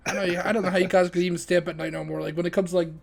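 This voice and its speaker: A man's voice: high-pitched, fairly even intonation, rapid-fire, vocal fry. A young man streaming and narrating a game, jokey and laughing often while directing his friends. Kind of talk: casual chat while voice-acting a game.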